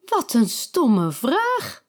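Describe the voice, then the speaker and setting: A woman's voice: extremely high pitch, very animated, slow pace, pitched above the performer's own voice, full character voice. A woman voicing an odd princess who eats letter cookies, blunt and haughty. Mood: scornful.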